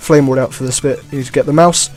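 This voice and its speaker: A man giving relaxed gameplay commentary as a let's play host, often chuckling and trailing off with shrugging asides. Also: medium pitch, fast. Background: faint game music.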